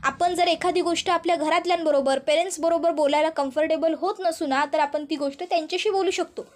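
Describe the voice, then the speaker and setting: A woman's voice: very high-pitched, steady tone, fast talker. A woman voicing an outspoken young woman who bluntly explains and scolds.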